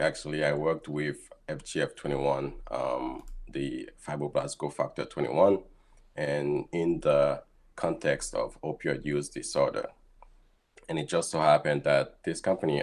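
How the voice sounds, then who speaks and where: Speaking in a bass voice with a darkish tone, a man from Haiti appears as a guest scientist in a casual interview over video call. He's thoughtful, explaining his work steadily with frequent ums.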